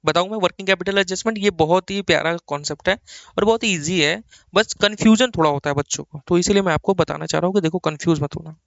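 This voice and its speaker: A man's voice: high-pitched, fast talker, creaky, fairly bright tone, no room sound, lo-fi sound. A man from India teaching accounting in a classroom-style lecture, coaxing and repeating points for his students.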